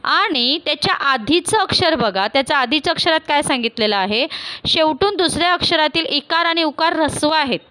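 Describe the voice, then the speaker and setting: A woman's voice: sits high, bright, forceful tone, dry recording. A woman teacher with a Marathi accent explaining a spelling rule step by step, asking questions and then answering them herself. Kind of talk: classroom grammar lesson.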